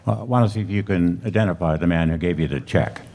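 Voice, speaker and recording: A man's voice: deep voice, fast talker, dark tone. A man playing a terse, dutiful police sergeant, clipped and businesslike, in an old-time radio police drama. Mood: patient, matter-of-fact. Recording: live stage radio play with music.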